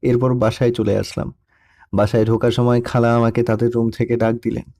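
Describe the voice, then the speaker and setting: A young man narrating a first-person love story in a soft, melancholy storytelling manner. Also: mid-range voice, flat delivery, fairly quick. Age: young adult.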